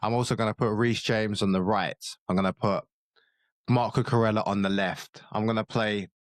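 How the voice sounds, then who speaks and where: A man's voice: on the low side, fairly even intonation, moderate pace, no room sound, clean studio sound. A young man in a casual football chat, passionate and fired up, with casual slang. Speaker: co-host, football fan.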